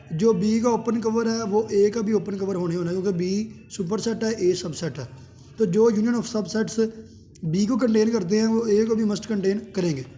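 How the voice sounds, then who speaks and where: High-voiced man lecturing on math. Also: dark tone, a little hiss or hum. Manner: poses questions and answers them himself. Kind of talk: classroom lecture.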